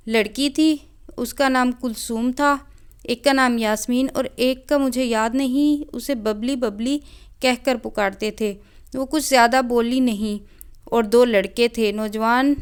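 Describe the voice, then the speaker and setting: A woman reading a first-person story aloud in a measured, conversational storytelling manner. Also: on the high side, clear, resonant tone.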